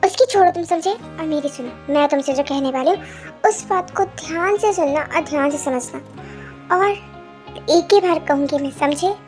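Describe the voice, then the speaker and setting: A very high, snappish voice of a jealous young woman who orders others about, as a woman plays her. It is a fan audio drama with music underneath. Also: moderate pace, a little mellow, close to an everyday voice. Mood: commanding. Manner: snappish and commanding.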